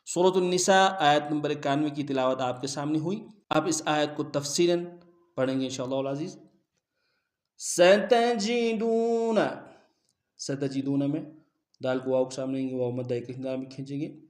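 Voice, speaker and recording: A man's voice: medium pitch, fairly even intonation. A man teaching Quran recitation, rattling off pronunciation rules one after another in a step-by-step lesson. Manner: rapid, instructive, drilling rules one by one. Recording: roomy echo.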